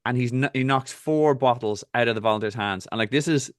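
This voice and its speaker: An Irish-accented triathlon coach hosts a casual talk, offering direct, practical advice with an instructive manner and rapid asides. His mid-range voice is captured in clean studio sound with no echo.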